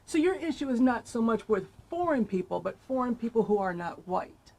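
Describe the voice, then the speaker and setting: A woman's voice: a little high, big pitch swings, a little fast, mellow. A woman hosting a talk show, pressing her guest with probing questions and frequent restarts. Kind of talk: interviewing a guest.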